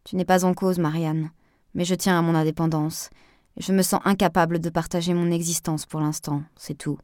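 A woman voicing a reserved divorced man who speaks in a hushed, weary, restrained way, in an audiobook reading. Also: lowish voice, flat delivery, moderate pace, no echo, studio quality, natural voice.

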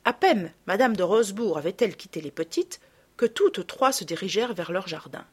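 A woman narrating a children's story in an expressive, measured reading voice. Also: medium pitch, breathy edge. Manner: expressive, drops softer for asides. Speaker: storybook reader.

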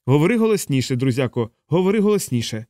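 A plump, blithely oblivious airman, put on by a man reading a novel aloud, pipes up in a high, chirpy voice. He shrugs off every plea with polite, empty cheer. The sound is dry and close. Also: very animated, fast, mellow, no echo. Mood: blithely deaf. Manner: blandly cheerful, deaf to pleas. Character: oblivious chubby male navigator, adult.

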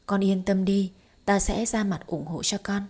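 A woman's voice: medium pitch, steady tone, measured pace, darkish tone, lightly acted. A woman voicing a blunt older mother who coaxes and encourages a young woman. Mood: coaxing.

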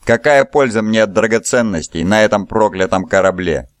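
Defiant, calculating captive voiced by a male narrator; low, resonant, coolly mocking, audiobook. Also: expressive, normal speed, clear, resonant tone, no echo, clean studio sound, natural voice. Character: defiant chained young man, cunning slave.

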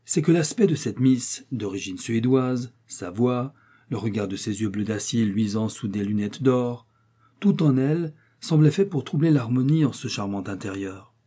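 Mellow husky male audiobook narrator. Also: mid-range voice. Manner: measured, expressive storytelling. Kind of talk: audiobook reading.

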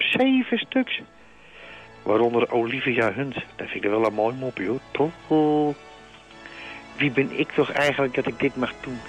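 A man's voice: medium pitch, muffled recording, lightly acted. A man playing a starstruck, chatty male reporter who rambles on in a comic fake live report. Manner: chatty, rambling, self-congratulatory. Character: bumbling, starstruck male reporter at a royal wedding.

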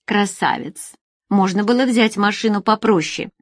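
Woman reader as a soft, mysterious woman, lightly teasing, dry sound. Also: medium pitch, moderate pace, no room sound, lightly acted. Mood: playful. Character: calm, mysterious grown woman.

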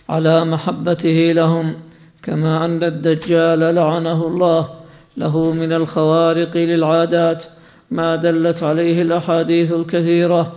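A man with a fairly high voice reads a religious text aloud in class. His recitation is measured and nearly flat in pitch, with almost no rise or fall. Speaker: student reading the text aloud.

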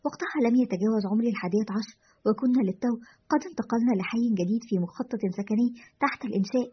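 Woman reading female caller, recollecting, high voice, lo-fi. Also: very fast, slight background noise, lightly acted. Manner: recollecting, descriptive. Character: woman caller recalling childhood. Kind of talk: storytelling narration. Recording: lo-fi dull audio.

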